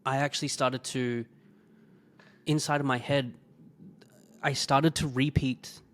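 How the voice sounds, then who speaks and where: A man who owns a fitness business tells a personal story slowly, in a steady, medium-pitched voice. He's candid and emotional, swears freely, and drops nearly to a whisper when he reaches the painful parts.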